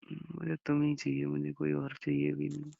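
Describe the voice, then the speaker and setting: A man's voice: a little high, monotone, a little fast, gravelly, no echo. A young man on an intimate phone call with his wife, reassuring her and rambling through long explanations. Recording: muffled phone call recording.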